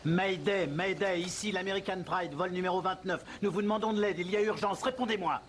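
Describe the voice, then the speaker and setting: A man's voice: high voice, fairly quick. An actor playing a male airline pilot radioing for help on his cockpit headset, using formal radio call phrasing. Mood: urgent. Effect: pilot calling on cockpit radio headset. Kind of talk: dubbed film acting. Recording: noisy soundtrack.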